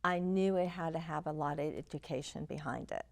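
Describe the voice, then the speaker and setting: Older woman from Chile, low-pitched, calm interview guest. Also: brisk. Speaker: health counselor guest. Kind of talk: interview answers.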